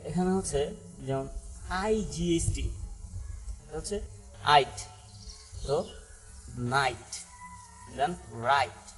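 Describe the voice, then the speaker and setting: A man's voice: fairly high pitch, takes it slowly, long pauses, fairly bright tone, poor audio. A man teaching an English pronunciation lesson, explaining step by step and often checking in with "right?". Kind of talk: spoken language lesson.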